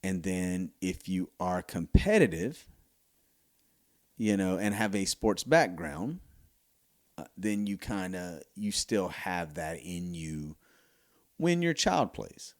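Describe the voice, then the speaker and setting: Low-voiced man rambling through a solo podcast. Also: big pitch swings, slow pace, long pauses, a little mellow. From United States. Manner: rambling, many fillers and restarts. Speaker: podcast host. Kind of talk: casual solo commentary.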